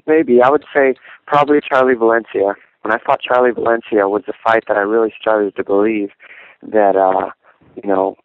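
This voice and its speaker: A man's voice: fairly low pitch, dry recording. A male fighter answering interview questions on a conference call over a telephone line. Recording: tinny band-limited phone line.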